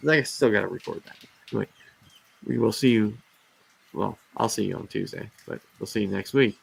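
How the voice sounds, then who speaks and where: A fairly low male voice with vocal fry and a breathy edge talks fairly quickly. As host of a reptile live show, he chats casually and rambles, prone to rants and full of fillers and restarts, while losing his voice.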